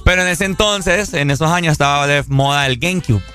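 Guy cohosting, bright voice a bit high, jokey storyteller. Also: fairly quick, soft background music. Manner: joking storyteller, playful. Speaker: radio show co-host. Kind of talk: casual chat.

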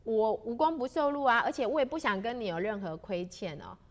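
A woman's voice: fairly high pitch, sing-song, normal speed, a bit bright, voice pushed up. Woman voicing a stubborn devout Taoist hermit. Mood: insistent. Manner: earnest, insistent lecturing.

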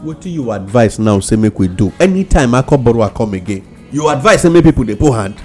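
A man's voice: medium pitch, big pitch swings, quick pace, a little mellow, faint music behind. A Nigerian man speaking Nigerian Pidgin as host of a radio talk show discussion.

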